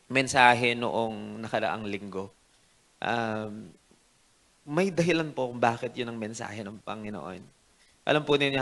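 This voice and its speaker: A man preaching from the pulpit in an earnest, courteous way. His voice sits at an ordinary middle pitch. He slips into English and pauses on soft fillers as he works through his thoughts. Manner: switches between Filipino and English, polite and earnest with frequent fillers. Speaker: pastor. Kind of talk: sermon with opening prayer.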